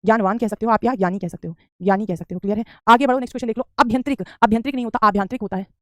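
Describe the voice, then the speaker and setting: A Hindi teacher leads an online exam-prep spelling class, answering students' questions, saying "beta" often, and repeating each correct word as a drill. Her voice is fairly high-pitched and very fast. The studio sound is clean, with no room sound.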